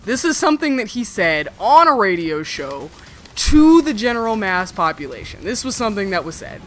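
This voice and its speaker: A woman co-hosting a casual livestream chat, ranting in a profane, animated way. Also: mid-range voice, normal speed, a little hiss or hum. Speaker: streamer co-host.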